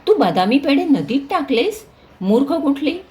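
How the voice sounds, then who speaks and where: A woman reading a mother's lines in a sharp, raised, scolding voice. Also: sits high, very animated, moderate pace, voice pushed up. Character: scolding mother of two girls.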